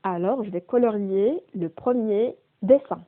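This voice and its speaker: A woman teaching a primary school phonics lesson, slowly repeating and stressing each word's sounds. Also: medium pitch. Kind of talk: slow, deliberate remote phonics lesson. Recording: phone-quality, narrow-band audio.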